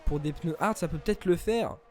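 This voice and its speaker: A man giving live race commentary as a motorsport commentator, moving between measured observation and excited calls of the action. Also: on the high side. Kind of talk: live race commentary, esports sim racing.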